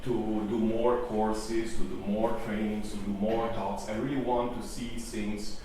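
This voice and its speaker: A middle-aged man gives a live talk in a conference hall, hesitant and full of ums and restarts. His voice is on the low side, mellow and measured, with little pitch movement; it's picked up from far off in an echoey hall with slight background noise.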